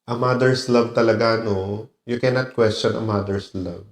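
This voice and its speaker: A man's voice: on the low side, steady tone, measured pace, roomy sound. A man hosting a reaction video, talking emotionally and dropping in English phrases. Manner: emotional, mixing English phrases, laughs often. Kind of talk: casual reaction commentary.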